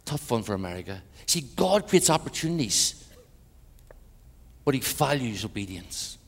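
An Irish man preaching an evangelistic sermon with personal testimony in a large church, swinging between loud emphatic peaks and hushed passages, with wry humorous asides. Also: mid-range voice, big pitch swings, moderate pace, gravelly. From Ireland. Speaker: guest preacher, minister to Europe. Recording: church hall with long reverb.

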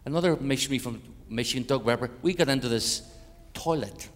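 An older man with an Irish accent, a missionary preacher telling animated, joking stories in a sermon to a congregation. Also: mid-range voice, quick pace. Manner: animated, jokey storyteller. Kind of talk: storytelling sermon. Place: church hall with a congregation. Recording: echoey hall, faint ambience.

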